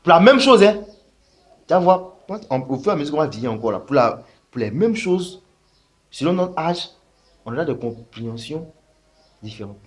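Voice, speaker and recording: A man's voice: a little high, lively intonation, normal speed, pauses often, darkish tone, slightly rough. A man talking casually as a spiritual teacher, explaining his points with frequent rhetorical questions.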